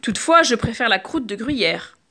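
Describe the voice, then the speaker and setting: A woman voicing a small squeaky male rat in a children's story, talking fast and high. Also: very animated, pushed and bright, exaggerated voice. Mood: eager.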